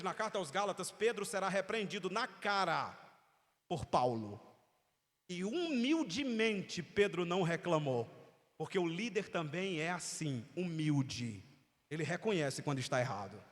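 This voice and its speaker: Brazilian male preacher, very high voice, emphatic, questions the congregation, long church reverb. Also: expressive, moderate pace, a bit bright. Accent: Brazilian Portuguese. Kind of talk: teaching sermon. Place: church sanctuary.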